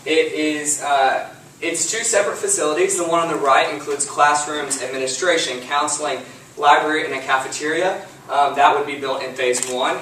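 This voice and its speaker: A man's voice: mid-range voice, a bit bright. A young man from Texas giving a student project presentation, walking methodically through slides with frequent ums and uhs. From Lufkin, Texas. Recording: distant mic in an echoey room with faint noise.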